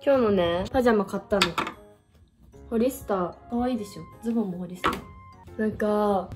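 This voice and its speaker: A woman's voice: medium pitch, darkish tone. Chatty young woman rambling to camera. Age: about 20. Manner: rambling, chatty, with frequent fillers; playful self-mocking asides. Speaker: vlogger. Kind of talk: casual solo chat to camera.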